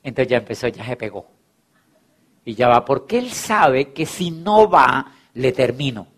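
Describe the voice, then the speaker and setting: Lively, teasing man acting out stories. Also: medium pitch, unhurried. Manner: animated storytelling, acting out both sides of dialogues; teasing, playful. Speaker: network marketing speaker. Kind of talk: motivational talk to an audience.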